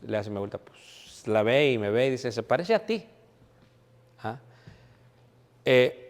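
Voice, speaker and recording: A man preaching a sermon with emphatic, drawn-out stresses, asking and answering his own questions. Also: mid-range voice, creaky. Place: church sanctuary. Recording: long hall reverb.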